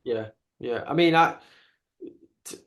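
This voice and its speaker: A man in his fifties hosting a podcast, chatting casually in a halting way, often repeating words. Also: medium pitch, a bit bright. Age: 50s. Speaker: podcast host. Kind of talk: casual interview chat.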